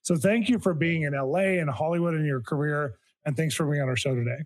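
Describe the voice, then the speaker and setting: A man hosting a faith podcast, talking with excitement and gushing praise about his guest. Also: on the high side, quick pace. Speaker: podcast host. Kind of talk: enthusiastic interview and intro.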